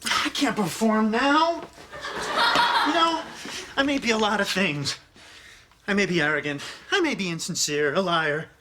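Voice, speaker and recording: An actor playing a touchy, self-pitying friend who talks in a wounded, theatrical way in a sitcom. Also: male voice, high voice, measured pace, pauses often, sharp tone, slight background noise. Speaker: sitcom character. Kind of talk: sitcom acting.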